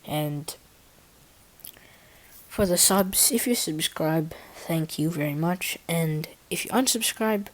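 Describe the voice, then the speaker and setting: A woman reading her first-person fan fiction aloud in a halting way, breaking off for casual asides to her viewers. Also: deep voice. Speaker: story reader and channel owner.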